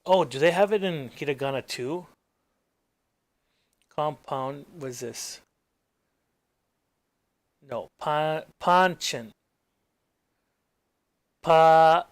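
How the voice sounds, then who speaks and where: There is no room sound as a man with a slightly high voice takes things slowly, with long pauses, while commenting casually on his screen recording. A native English speaker hosting his own gaming channel, he thinks out loud, rambles and mumbles as he trails off.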